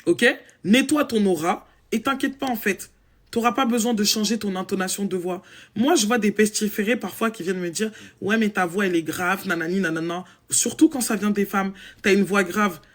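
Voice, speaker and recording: A woman with a low voice, talking bluntly and mockingly to her listeners in a casual monologue, dropping in English phrases. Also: normal speed. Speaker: women's coach.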